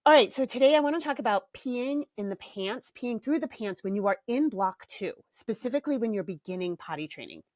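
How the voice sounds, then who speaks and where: A middle-aged woman, a podcast host and parenting author, chats candidly on her solo show, laughing easily and coughing slightly. Her fairly high voice is animated and a little fast, with hardly any pauses. The studio sound is clean, with no echo.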